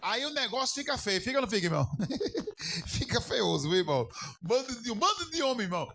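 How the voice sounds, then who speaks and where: A man's voice: very high voice, sing-song, a little fast, vocal fry, pushed and bright, a little hiss or hum. A man preaching a sermon on a Bible lesson as pastor, often stopping to ask the congregation questions and calling them brother.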